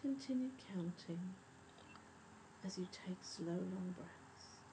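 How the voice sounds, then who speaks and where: A woman leading a guided breathing meditation in a soft, soothing, measured spa voice that often trails toward a whisper. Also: on the low side. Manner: measured, instructive. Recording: faint background noise and ambience.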